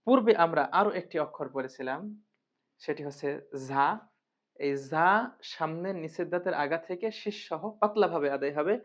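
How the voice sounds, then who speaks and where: A woman's voice: low-pitched, normal speed. A woman teaching Quran reading in a recorded lesson, patiently repeating and drilling each sound. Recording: muffled lo-fi recording.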